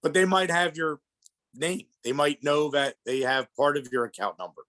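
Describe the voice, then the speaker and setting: This guest speaker on elder fraud is a middle-aged Pennsylvanian with a head cold, and his congestion is audible. His voice runs on the high side, a bit bright, at a moderate pace. Speaking plainly to the audience in a public presentation, he explains matters and refers to them as "folks."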